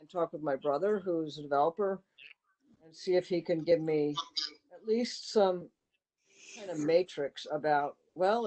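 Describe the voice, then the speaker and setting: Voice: mid-range voice, a little mellow. Rambling committee chair on a video call. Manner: rambling, thinking aloud with many fillers. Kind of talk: online town committee meeting.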